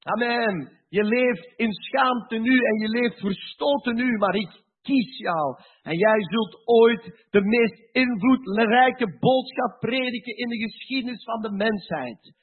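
A man preaching a sermon, slow and emphatic, with sudden drops to a quiet voice. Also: extremely high pitch, slightly rough. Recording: tinny phone-like sound.

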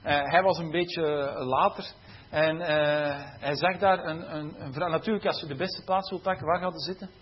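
Man, sermon, lively storytelling preacher, slightly high voice, dull lo-fi sound. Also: normal speed, a little hiss or hum. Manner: conversational and animated, laughing at his own stories, tag questions.

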